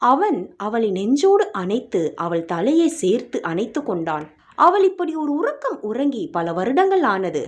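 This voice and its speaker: Woman reading a story out loud, kinda high voice, super expressive. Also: a little slow. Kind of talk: scripted audio story narration.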